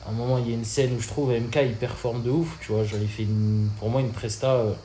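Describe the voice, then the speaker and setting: A man's voice: mid-range voice, quick pace. Laid-back young man, echoey room. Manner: relaxed, rambling with fillers and slang. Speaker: podcast co-host. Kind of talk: casual chat. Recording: echoey room, faint ambient noise.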